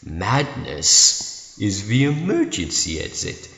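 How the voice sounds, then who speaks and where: The Joker, wildly swooping and echoey. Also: male voice, fairly low pitch, big pitch swings, heavy background noise, full character voice. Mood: unhinged, coaxing. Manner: taunting, swooping, drawn-out delivery with cackles. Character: manic, mocking male comic-book supervillain clown. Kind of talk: theatrical villain monologue recital. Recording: echoey room with long reverb.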